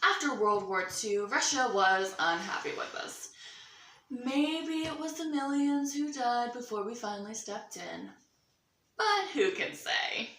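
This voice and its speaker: A woman with a slightly high, animated, somewhat slow and faintly bright voice anchors a mock 1950s news bulletin in a student-style newscast, hamming it up sarcastically. Roomy echo, a distant microphone, and faint noise color the recording.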